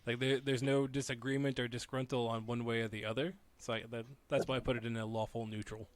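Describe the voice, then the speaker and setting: A man co-hosting a podcast, talking in a relaxed, rambling way with frequent fillers. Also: mid-range voice, fast talker. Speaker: podcast co-host. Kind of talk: casual chat.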